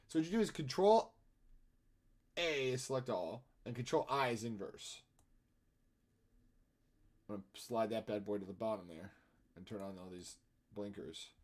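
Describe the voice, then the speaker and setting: A man's voice: on the low side, lively intonation, normal speed, long pauses, a little mellow. A man chatting casually on a live stream as he draws, self-deprecating and given to humming melodies. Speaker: streamer and artist. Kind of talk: casual live-stream chat while drawing.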